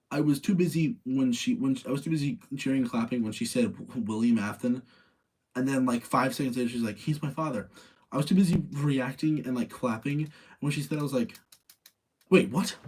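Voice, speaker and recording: A man with a warm, mid-range voice hosts a livestream reviewing movies. His chat is casual and rambling, packed with opinions and repeated points for emphasis.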